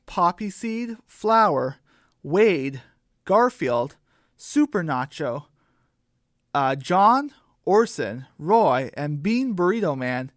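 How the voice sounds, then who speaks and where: A low-pitched woman narrates and hosts a homemade children's radio play, reading the story and then signing off. The sound is clean studio quality with no echo.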